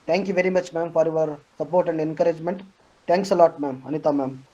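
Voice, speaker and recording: Man, formal vote of thanks, halting delivery, slightly high pitch, video call. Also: steady tone, dark tone, muffled recording. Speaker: professor giving the vote of thanks. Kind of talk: formal webinar speech.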